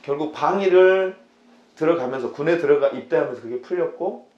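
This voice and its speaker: A man's voice: fairly high pitch, brisk, reverberant, muffled recording. A man in his fifties from the Mokpo area, a candidate telling stories as a guest in a casual talk show interview. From South Korea, Mokpo area. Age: 50s. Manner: talkative storyteller, laughs while telling anecdotes.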